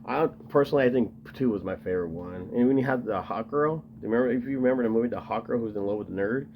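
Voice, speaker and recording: Gravelly-voiced man chatting casually. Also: mid-range voice, quick pace, highs cut off, a little hiss or hum. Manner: rambling, enthusiastic, lots of fillers. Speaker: video host showing his tape collection. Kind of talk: casual chat to camera.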